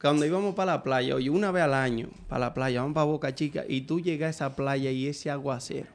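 A man with a Dominican accent, co-hosting a casual chat and telling family stories with lively impressions of his parents. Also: on the high side, brisk. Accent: Dominican Spanish. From Dominican Republic. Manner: animated storyteller, acts out his parents' lines. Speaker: podcast co-host.

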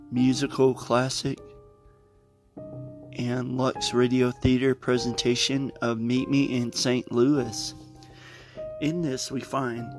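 Male podcast presenter, unhurried introduction in short broken phrases over a music bed. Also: mid-range voice. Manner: halting delivery with long pauses. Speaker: podcast host.

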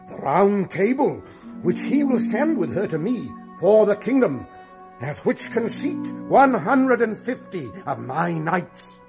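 Casting: proud, enamored king, poetic audio play. Highish, very expressive, insistent declaimer. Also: vocal fry, heavily acted. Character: proud, love-struck, willful king, Arthur.

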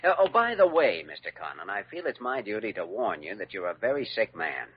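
An actor playing an earnest, principled young male doctor, polite and steady in speech, in a 1950s radio drama on a dull old recording. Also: on the low side, brisk, noisy background. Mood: firm.

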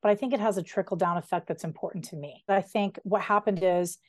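A middle-aged woman novelist, a guest in a casual interview, talking in an animated, digressive way with quick asides. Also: mid-range voice, dry recording, studio quality.

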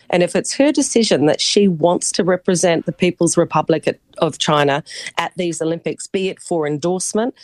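A woman's voice: deep voice, darkish tone, no room sound. A woman with a broad New Zealand accent giving a chatty, articulate and emphatic sports report as a commentator on a live radio cross.

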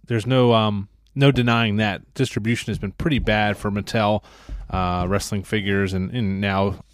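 A man's voice: lowish voice, no room sound. A man hosting a podcast, chatty and upbeat, with many filler words, speaking from a podcast studio. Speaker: podcast host.

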